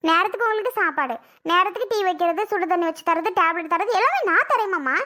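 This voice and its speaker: A woman voicing a jealous, sharp-tongued daughter-in-law in a cartoon, needling her father-in-law. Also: very high-pitched, expressive, fast talker, exaggerated voice. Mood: sarcastic. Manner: sarcastic, needling.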